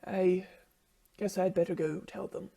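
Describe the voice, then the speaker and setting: A soft-spoken young man survivor, voiced by a woman, talks quietly and hesitantly. The voice is gravelly and dark, with creaky fry. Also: lowish voice, fairly even intonation, unhurried. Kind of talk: amateur audio drama.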